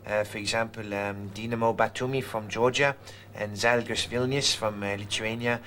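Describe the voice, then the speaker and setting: A man's voice: lowish voice, steady tone, moderate pace, sharp tone, a little hiss or hum, voice pushed down. A man putting on a hesitant football pundit, full of ums and uhs.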